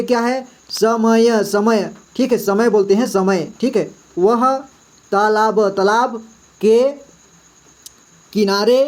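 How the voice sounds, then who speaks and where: A man walks through a reading lesson one word at a time. He sounds out each syllable slowly and patiently and keeps checking that his students are following. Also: high-pitched, a little mellow. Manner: patient, slow syllable-by-syllable sounding out, frequent "ठीक है" check-ins. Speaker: Hindi reading teacher.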